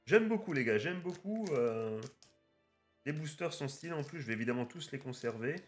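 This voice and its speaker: Man, mid pitch, excitable card-opening host, swears a lot, faint music underneath. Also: moderate pace. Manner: excitable, swears often, chatty with viewers. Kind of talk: casual unboxing commentary. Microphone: webcam setup at a desk.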